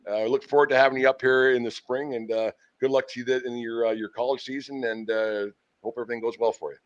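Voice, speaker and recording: Speaking fast in a steady, medium-pitched voice, this older man runs a casual baseball team podcast, rambling through sports chat and interviews in a homespun, talkative way. The audio is dull and band-limited.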